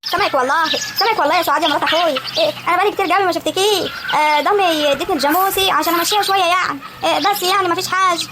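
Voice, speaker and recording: A woman voicing a nervous young village man in love, speaking with a rural Egyptian accent in a hushed, worried way. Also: very high voice, racing, hardly any pauses. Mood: evasive. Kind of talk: amateur village drama acting. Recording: loud outdoor noise, chickens.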